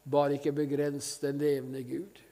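An older male evangelist preaches with fervour, his fairly high voice carrying a gravelly edge. His tone is dark and mellow, and he tells his stories with frequent hallelujahs. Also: little pitch movement. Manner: fervent storytelling, frequent hallelujahs. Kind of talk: sermon. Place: church meeting.

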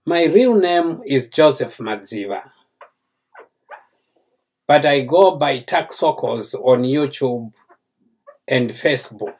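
A man's voice: mid-range voice, animated, takes it slowly, long pauses, darkish tone, soft background music. An older man who grew up in Zambia, speaking to camera as the host of a cooking channel. He addresses his viewers in a courteous, formal way, seated in a small indoor room. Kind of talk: slow, formal talk to camera.

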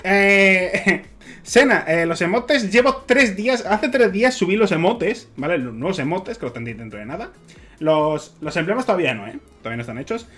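Young man, excitable streamer, swears and laughs, faint music behind. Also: on the high side. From Spain. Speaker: Minecraft streamer. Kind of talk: casual gameplay stream commentary.

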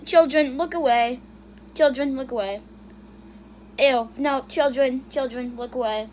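A woman's voice: high voice, a little slow, darkish tone, a little hiss or hum. A young woman casually commenting on funny videos, bursting into shrieks and then muttering to herself. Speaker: YouTuber reacting to videos.

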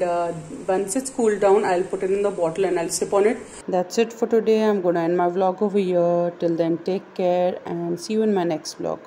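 A woman's voice: lowish voice, slight background noise. Woman narrating a home cooking vlog. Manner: steady step-by-step instructional narration. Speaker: cooking vlogger. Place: home kitchen.

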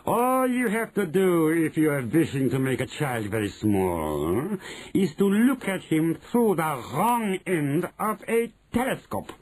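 A man's voice: fairly high pitch, sing-song, pitched above the performer's own voice, poor audio. Man putting on a shrieking, imperious grand witch. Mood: haughty, instructing. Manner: commanding, drawn-out, emphatic delivery. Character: imperious, menacing Grand High Witch addressing her followers.

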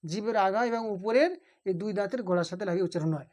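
A woman's voice: medium pitch, very fast, darkish tone. A woman teaching Quran reading, patiently repeating each Arabic letter and explaining where it is formed in the mouth. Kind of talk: slow letter-by-letter Arabic pronunciation lesson.

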